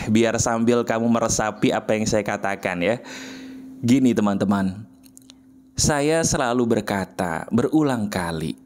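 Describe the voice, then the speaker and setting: Speaking straight to the listener, a motivational speaker delivers an intimate, coaxing monologue full of repetition and rhetorical questions. His voice swings between soft, low murmurs and high, emphatic bursts.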